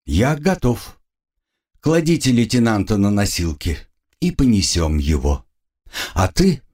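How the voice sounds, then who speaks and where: A man reading the lines of a calm, fatherly bearded priest, a former soldier, in an audiobook. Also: on the low side, unhurried.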